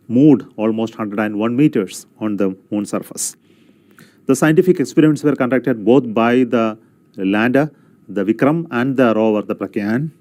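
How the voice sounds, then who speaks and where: A man with an Indian accent giving a formal podium speech as an agency representative, in measured, halting phrases. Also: fairly low pitch, mellow.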